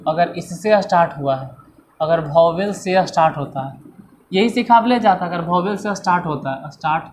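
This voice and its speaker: A man's voice: fairly high pitch, a little hiss or hum. A man teaching English grammar in a classroom lesson, repeating points and asking and answering his own questions.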